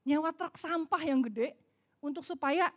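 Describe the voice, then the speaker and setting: A woman's voice: high voice, unhurried, fairly bright tone. A middle-aged woman, preaching in a chatty storytelling way, often asking the audience questions. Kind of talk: sermon with personal stories.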